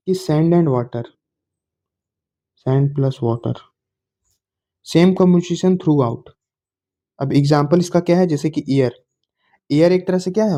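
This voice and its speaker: A man teaching a science lesson to school students, reading English definitions slowly and then explaining in Hindi in an easygoing, coaxing way. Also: on the high side, warm tone. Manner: coaxing, informal, addresses students as bhaiya. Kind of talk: classroom lecture to school students.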